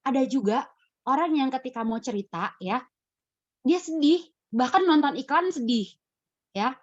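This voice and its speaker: A woman giving public speaking advice in a webinar Q&A, lively and playfully acting out example voices. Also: high-pitched, normal speed, no room sound, highs cut off. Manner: lively, acts out quotes with expressive voices.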